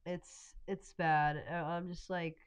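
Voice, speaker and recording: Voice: mid-range voice, level tone, takes it slowly, slight background noise. A congested streamer chatting casually while drawing, rambling with lots of fillers and giggles, speaking from a room at home over a voice call. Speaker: streamer, artist. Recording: muffled lo-fi voice call.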